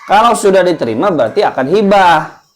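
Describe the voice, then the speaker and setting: A man's voice: high-pitched, animated, a little fast. A man giving a casual religious lesson at a home gathering, talking in a conversational way and quizzing his listeners with questions. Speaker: ustaz teaching a religious study group.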